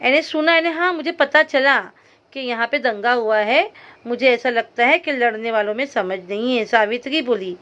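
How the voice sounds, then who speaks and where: A woman's voice: fairly high pitch, normal speed, a bit bright, dull audio. A woman teacher reading a story aloud to young students, stopping to explain hard words along the way. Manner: talks straight to young students.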